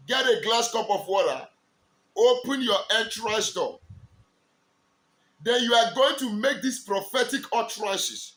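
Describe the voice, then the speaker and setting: Bright, high-voiced Nigerian preacher. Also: male voice. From eastern Nigeria. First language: Igbo. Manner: slow, emphatic, drawn-out declarations. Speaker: spiritual teacher. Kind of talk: preaching to camera.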